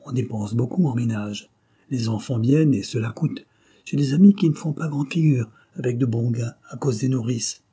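A young writer from a storybook, teasing and fond, as a male reader voices him. The tone is dark and mellow, with a husky edge. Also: mid-range voice, normal speed. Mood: matter-of-fact.

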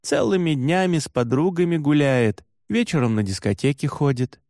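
A man's voice: on the high side, moderate pace, gravelly, no echo, studio quality. A man reading an audiobook, voicing a cheeky, eager young male herder with an offhand manner. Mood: dismissive. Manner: offhand, lively, a bit sly.

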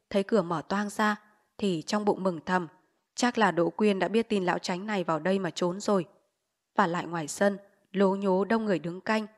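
A woman narrating a novel aloud at a brisk, even pace. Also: medium pitch. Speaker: audiobook narrator.

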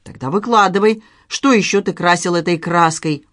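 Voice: mid-range voice, moderate pace, no room sound, clean studio sound, natural voice. A reader playing a cool, shrewd woman sleuth. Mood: menacing. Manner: calm, ironic, quietly menacing. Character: shrewd, unflappable middle-aged woman amateur sleuth.

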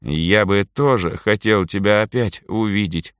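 A man voicing Mitka, a nervous and gruff young man, in a raised, tense voice in an audiobook. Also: lowish voice, measured pace, no room sound, studio quality, lightly acted. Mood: agitated.

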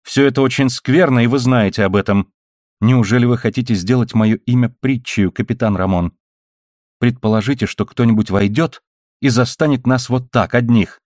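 A man's voice: mid-range voice, moderate pace, dry recording, natural voice. Proud young noblewoman, indignant and firm, read by a man in a dry recording. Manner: firm, offended, sharp retorts. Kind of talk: audiobook character reading.

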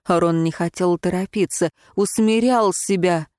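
A woman's voice: on the low side, a little slow, dry recording. Woman narrating fiction, dry close sound. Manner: expressive, emotional reading. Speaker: audiobook narrator. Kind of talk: scripted first-person fiction narration.

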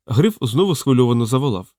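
A man reading an audiobook aloud in a wry, lively storytelling manner, close to the mic. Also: medium pitch, fast talker, no echo. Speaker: audiobook narrator.

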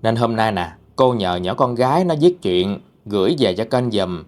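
A man with a Southern Vietnamese accent, hosting a channel and narrating ghost stories in a dramatic, expressive way. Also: on the low side, moderate pace. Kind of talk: storytelling narration.

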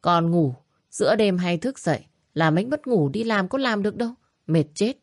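A woman's voice: lowish voice, animated, moderate pace, dry recording, clean studio sound. A woman voicing a sleepy, dismissive young husband in a spoken story. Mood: grumbling. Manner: grumbling, dismissive.

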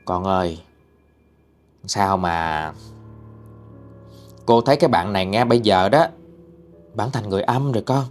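A man voicing an old female fortune teller who speaks low, quiet and ominous. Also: fast, soft background music, lightly acted. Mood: grave. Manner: low hushed ominous delivery.

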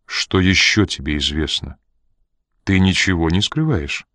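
A man reading as a menacing, hot-tempered man with a deep voice. He accuses and threatens in explosive bursts. The voice is dry and close, like a storybook reading. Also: a little slow, bright, forceful tone, no echo. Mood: suspicious. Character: volatile, menacing Polish man, quick to rage.

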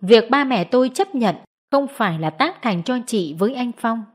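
A woman narrating a first-person audiobook story in an expressive storytelling manner. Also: fairly high pitch, moderate pace.

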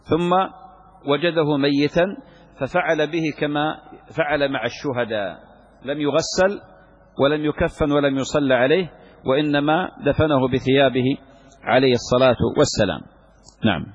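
Man, sheikh lecturing, fairly high voice, husky, repeats phrases for emphasis, muffled hall recording with long echo. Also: moderate pace. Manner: repeats key phrases for emphasis, asks and answers own questions. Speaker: sheikh teaching Islamic law. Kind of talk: classroom lecture explaining a legal text.

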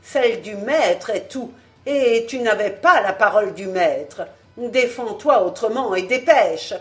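A calmly menacing old outlaw chief, voiced by a woman reader in a storybook reading. He speaks loud, slow and deliberate, with a steady mid-range voice. Faint music sits behind him. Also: medium pitch, lightly acted. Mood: stern.

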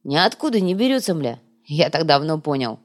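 A woman voicing a rough, slangy male gang boss who talks bluntly in an audiobook. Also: low voice, very animated, normal speed. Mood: gruff.

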